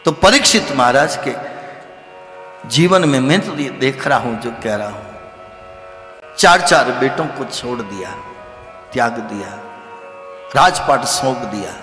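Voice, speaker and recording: A man giving an animated devotional scripture discourse as a religious storyteller, sometimes rising to loud exclamations. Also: mid-range voice, unhurried, pauses often, reverberant, in a large hall, soft background music. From Rajasthan, India.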